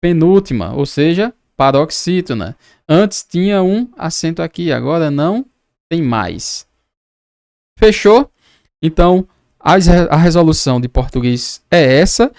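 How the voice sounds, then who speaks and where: A man from Brazil leads an exam-prep lesson at a slow, deliberate pace. He repeats words and spells them out with casual asides. The recording is dry and close, with no room sound. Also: a little high, lively intonation, darkish tone, no echo. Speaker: teacher.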